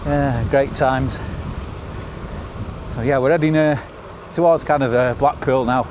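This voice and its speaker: A man's voice: mid-range voice, fairly even intonation, measured pace. Upbeat northern English man, noisy outdoor recording. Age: middle-aged. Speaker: cycling vlogger. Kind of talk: casual ride-along commentary to camera. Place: outdoors on a bicycle.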